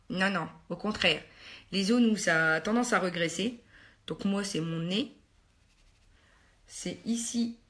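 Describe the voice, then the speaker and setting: A woman talks casually through her makeup routine for a vlog. Her speech wanders, full of fillers and restarts. She teases herself in quick asides to her viewers. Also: mid-range voice. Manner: chatty, hesitant with many fillers, self-mocking asides to viewers. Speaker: beauty vlogger. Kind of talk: casual get-ready-with-me makeup chat.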